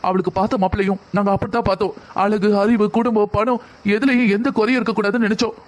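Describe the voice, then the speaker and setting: A man's voice: sits high, fairly even intonation, rapid-fire, close to an everyday voice. A man voicing an anxious middle-aged father in a cartoon, speaking in a distressed, pleading way. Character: anxious middle-aged father begging help for his daughter. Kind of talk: cartoon voice acting.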